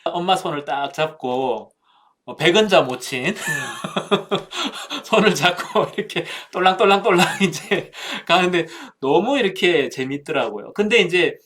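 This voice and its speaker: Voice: mid-range voice, lively intonation, a little slow, a bit bright. A speaker at a Bible seminar telling a childhood story in a Bible talk, using vivid sound words and addressing listeners directly.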